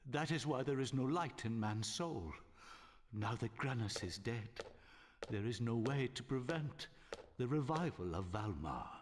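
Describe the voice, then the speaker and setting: A man acting a solemn, slow-speaking villainous pope. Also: mid-range voice, expressive, big-room sound, slight background noise, lightly acted. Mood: solemn, foreboding. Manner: solemn, slow, grandiose, menacing. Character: false pope, grave scheming male villain worshipping dark god. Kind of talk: dramatic video game voice acting. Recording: game music behind the voice.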